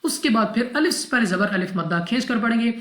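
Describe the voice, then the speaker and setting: A woman's voice: on the high side, expressive, fast, a bit bright. A woman from Pakistan teaching Quran recitation rules, methodically repeating each rule step by step. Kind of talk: tajweed lesson explanation. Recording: roomy echo.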